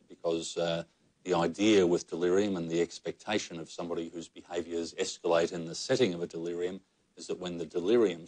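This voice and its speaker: A man with an Australian accent, a psychogeriatrician on a panel, explaining clinical points in a measured way. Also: sits low, a little mellow. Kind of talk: panel discussion answers.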